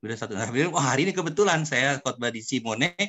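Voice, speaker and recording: Fast and lively in intonation, the pastor's medium-pitched voice has a fairly bright tone. This older Indonesian man tells personal stories to his church study group and often addresses them directly as "Saudara."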